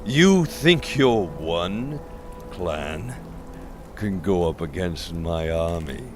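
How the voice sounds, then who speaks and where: An actor playing an arrogant, menacing warrior chieftain in a dark fantasy audiobook, with a hard, sneering delivery. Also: male voice, lowish voice, a little slow, noisy background, close to an everyday voice.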